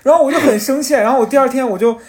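A man telling a rambling, animated story in casual podcast chat. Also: extremely high pitch, racing.

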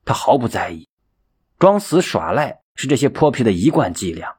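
A man narrating a folk tale as an expressive, dramatic storyteller. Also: mid-range voice, moderate pace, slightly rough. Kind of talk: audiobook storytelling.

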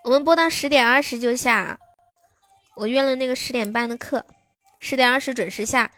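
A woman's voice: high-pitched, brisk, a bit bright, dry recording. Chatty young woman streaming, close and dry. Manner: chatty, reads viewer comments aloud and answers them. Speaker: live-stream host. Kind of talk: casual live-stream chat with viewers.

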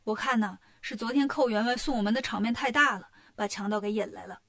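A woman voicing a bold, clever male monkey hero who talks in a brisk, confident way. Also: on the high side, a bit bright.

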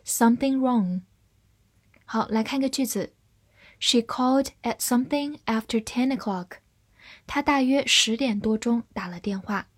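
A woman with a fairly high voice leads a scripted vocabulary lesson. She speaks slowly, spelling out each word letter by letter before modeling it carefully. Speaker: English vocabulary teacher.

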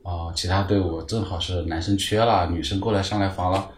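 A man in his thirties, a podcast guest, explaining things at length in a relaxed way with lots of fillers. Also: low-pitched, a little fast, slight background noise. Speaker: guest, club founder. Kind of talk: casual chat. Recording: roomy echo.

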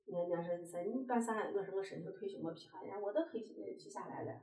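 A woman in her fifties tells a story quickly in a mid-pitched voice, chatty and emphatic. The room around her is echoey. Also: mellow. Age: 50s. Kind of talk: casual chat.

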